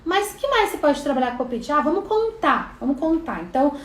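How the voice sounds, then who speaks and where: A woman's voice: high-pitched, sing-song, fast talker. A woman with a Brazilian accent teaching a casual online lesson in a chatty way, often adding "né". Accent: Brazilian Portuguese. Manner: chatty, frequent "né" tags. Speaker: neuropsychopedagogy teacher. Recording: roomy echo.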